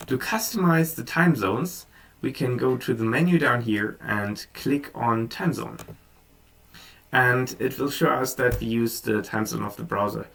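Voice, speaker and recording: Guiding viewers through a software tutorial captured on screen, this German speaker stays loose and unscripted, stumbling into small restarts and lots of ums. His voice is mid-range, gravelly and creaky, and his seat a bit away from the mic gives it some distance.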